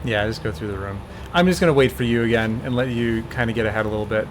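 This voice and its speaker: A man's voice: mid-range voice, quick pace. Guy in his 20s walking a friend thru a speedrun, chill, laughs a lot, humming fan noise behind. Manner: relaxed, explains step by step, laughs often. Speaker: streamer coaching a speedrun. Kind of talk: casual gameplay chat.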